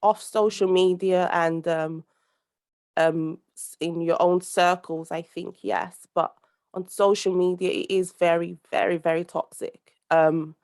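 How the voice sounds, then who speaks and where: Unhurried and fairly even in intonation, this British woman has a lowish, darkish voice. A young adult social commentator, she's a podcast guest talking earnestly over a call, rambling along with plenty of fillers and restarts.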